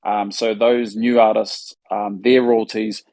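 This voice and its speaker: Gravelly, low-voiced New Zealand man. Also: level tone, slow pace, darkish tone, dry recording. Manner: laid-back, matey, slangy. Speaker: musician host of a community question session. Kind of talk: casual question-and-answer talk.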